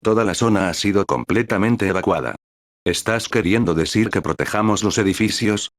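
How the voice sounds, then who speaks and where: A man reading a fan fiction story aloud, narrating action and dialogue tags in a steady storybook manner. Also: on the low side, moderate pace, no room sound, studio quality. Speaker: fanfic narrator.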